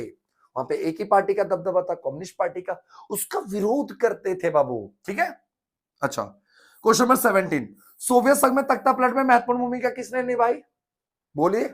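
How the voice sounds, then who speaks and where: A man teaching an exam revision lesson, quizzing and repeating answers in a lively manner. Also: sits high.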